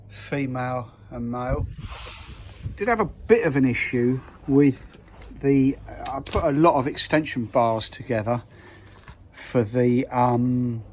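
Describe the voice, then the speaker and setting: A man's voice: mid-range voice, a little hiss or hum. A man casually talking through a van repair as he works, plain-spoken and full of fillers and restarts. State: out of breath. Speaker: van mechanic showing a repair. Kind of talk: casual how-to talk.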